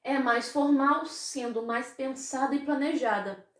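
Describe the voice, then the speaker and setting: A woman's voice: sits high, unhurried, reverberant. A woman teacher with a Brazilian Portuguese accent, explaining a lesson to pupils and checking in with them as she goes. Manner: explains with questions and tag words to pupils. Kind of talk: classroom lesson.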